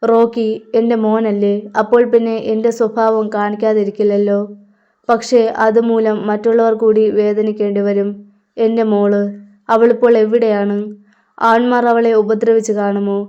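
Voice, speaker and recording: A heartbroken older father, worn down by fear for his daughter, voiced by a woman reading the story. The voice is smooth and fairly high. The audio is a little dull and muffled. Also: flat delivery, normal speed, lightly acted. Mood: grieving.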